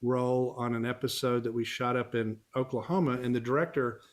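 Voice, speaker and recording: A man's voice: medium pitch, fairly even intonation, fairly quick. A middle-aged man from Texas, a guest on an interview show, telling stories in an easygoing way and chuckling now and then. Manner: easygoing storyteller, chuckles while talking. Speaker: guest, family law attorney and actor. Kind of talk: casual interview conversation.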